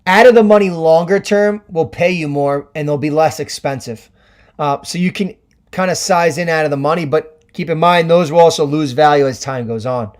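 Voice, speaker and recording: A young man with a hoarse voice, hosting a casual trading livestream and answering viewer questions with lots of ums and restarts. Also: fairly high pitch, moderate pace. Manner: chatty, many ums and restarts, explanatory. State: hoarse from screaming at games.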